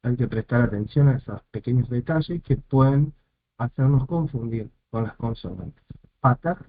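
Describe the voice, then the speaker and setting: A male teacher explains a lesson step by step at an unhurried, deliberate pace. He repeats each term before moving on, in a voice of middling pitch. The recording is narrow and tinny, like a phone line. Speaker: Hebrew teacher.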